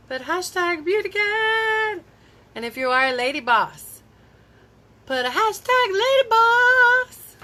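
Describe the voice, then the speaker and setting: A woman's voice: mid-range voice, pushed and bright. A woman, chatting casually on a live stream from home into her phone, rambling and reacting to viewer comments. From Tennessee. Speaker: beauty vlogger hosting a live stream.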